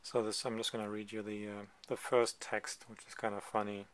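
Low-voiced man musing over a photo book. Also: fairly quick. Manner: relaxed, hesitant, many ums and digressions. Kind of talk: casual show-and-tell commentary. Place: indoors at a table, filming a book from above.

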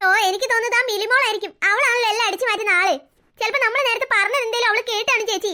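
A woman's voice: very high-pitched, rapid-fire, bright, forceful tone. A woman voicing a clever, mischievous little sister in a cartoon, plotting a prank. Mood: scheming. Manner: plotting, giggly.

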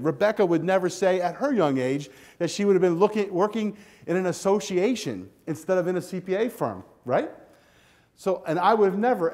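An older man giving a keynote speech to students in a hotel ballroom, talking energetically and directly, on a lapel mic. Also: on the high side. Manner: energetic, animated, walks the stage with a handheld clicker. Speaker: keynote speaker. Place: hotel ballroom with a seated audience.

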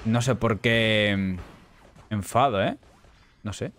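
A young man from Spain giving excitable live gameplay commentary, swinging between low muttering and sudden shouts. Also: slow pace. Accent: Spain Spanish. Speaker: gaming YouTuber.

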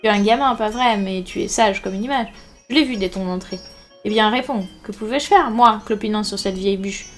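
A woman reading a novel aloud and putting on the voice of a loud, crafty one-legged male pirate innkeeper who talks in a booming, theatrical way. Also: fairly quick, soft background music, natural voice. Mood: jovial.

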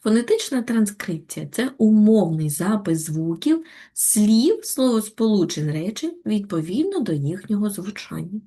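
A woman teacher giving a patient, step-by-step online lesson to young schoolchildren, with gentle reminders. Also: mid-range voice, very animated, moderate pace, breathy edge. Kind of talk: online Ukrainian lesson for children.

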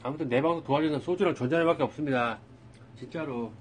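Young male streamer, slightly high voice, irritated scolding tone, light background hiss. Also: racing. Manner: exasperated, scolding chat, swears. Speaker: live streamer. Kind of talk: casual live-stream talk to chat.

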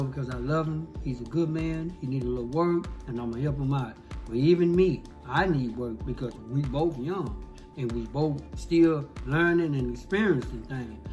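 A middle-aged man with a slightly high voice talks casually, like a host at his table. He gives heartfelt advice emphatically, repeating his points in a preachy storytelling way. Music plays behind him. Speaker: mukbang host. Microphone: desk microphone close in front.

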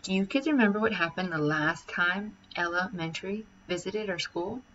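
A woman reading aloud and voicing a formal school principal making measured announcements. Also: fairly low pitch, fairly bright tone, muffled recording, a little hiss or hum, natural voice. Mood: announcing.

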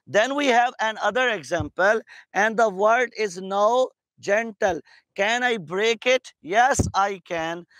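A man's voice: high voice, fairly bright tone, no echo, rough recording. A male teacher with a Pakistani accent, giving a classroom lecture and quizzing his students. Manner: slow, drawn-out English phrases with frequent quiz questions to students.

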